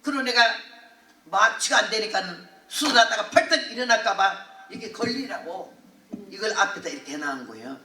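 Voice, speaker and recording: An older woman missionary preacher telling a testimony in a revival sermon, earthy and animated with laughter. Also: mid-range voice, fairly quick. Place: large hall at a prayer retreat. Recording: echoey hall, voice from far off.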